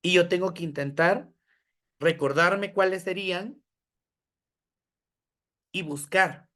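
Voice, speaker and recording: A man's voice: high voice, slow pace, sharp tone. A man giving an online training lecture to teachers. He explains step by step, lists examples and keeps checking in with "¿verdad?". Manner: addresses listeners directly, asks how they are following. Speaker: teacher trainer in educational psychology.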